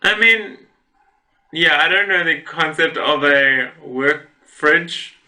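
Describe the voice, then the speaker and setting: This reaction-video host has a voice on the high side, bright and forceful, and he takes things slowly. He reads posts out loud and offers loose, wandering commentary, chuckling to himself, full of fillers and self-corrections.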